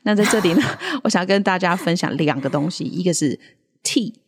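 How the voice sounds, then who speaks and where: Woman host, low and husky, very animated delivery, casual teaching patter with lots of laughter. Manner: laughs often, models English words slowly. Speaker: podcast co-host teaching English accents. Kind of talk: casual language-lesson chat.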